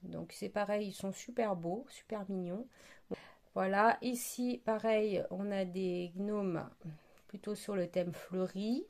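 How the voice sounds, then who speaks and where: A woman's voice: medium pitch, steady tone, slow pace, darkish tone. A woman casually presenting craft products she received, chatty and hesitant, with frequent fillers.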